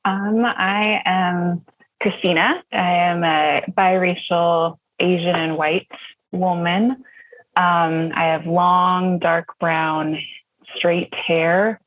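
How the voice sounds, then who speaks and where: A woman podcast guest describing herself slowly and hesitantly, with many fillers. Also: fairly low pitch, fairly even intonation, phone-quality sound. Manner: slow and hesitant, with "um" and "like". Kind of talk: casual interview talk.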